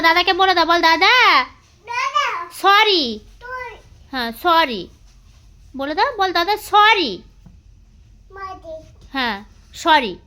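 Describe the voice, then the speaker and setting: A woman using playful, coaxing baby talk with small children at home. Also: sharp tone. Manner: sing-song, coaxing, teasing, high-pitched. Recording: noisy home recording.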